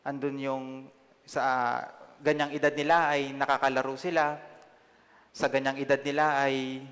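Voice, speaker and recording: A man in his twenties from the Philippines giving a personal testimony sermon, conversational and self-deprecating, often pausing on fillers. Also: mid-range voice, level tone, a bit bright, in a large hall. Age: 20s. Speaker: lay preacher.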